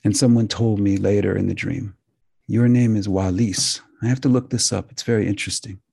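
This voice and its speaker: A male host earnestly recounting a dream and the lessons he drew from it, in a measured storytelling manner. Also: fairly low pitch, fairly even intonation, vocal fry, dark tone, slightly rough. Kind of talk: spiritual talk recounting a dream.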